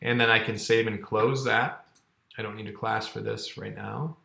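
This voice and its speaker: Creaky, pushed, and bright, this man's fairly low voice keeps a fairly even intonation at a moderate pace. In his thirties, he instructs an accounting course via a casual screen-share tutorial in an echoey room, explaining step by step and often saying "okay" and "all right."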